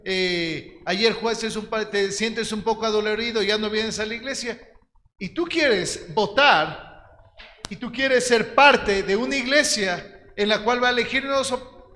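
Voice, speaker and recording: A man's voice: high voice, pushed and bright. A man, preaching a teaching sermon in an earnest, direct way and calling his listeners brothers. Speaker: pastor. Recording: long hall reverb.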